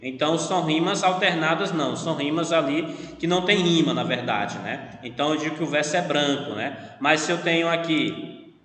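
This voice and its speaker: Brazilian man, literature teacher on an online class, bright higher voice, patient explaining, echoey room with long reverb. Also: brisk, a little hiss or hum. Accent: Brazilian Portuguese. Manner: explains patiently, often checks with "né?".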